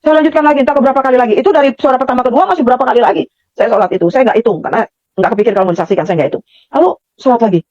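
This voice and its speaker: A woman's voice: fairly high pitch, very fast, darkish tone, no room sound, muffled recording. A middle-aged woman giving an earnest personal testimony, repeating phrases for emphasis. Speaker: testimony speaker.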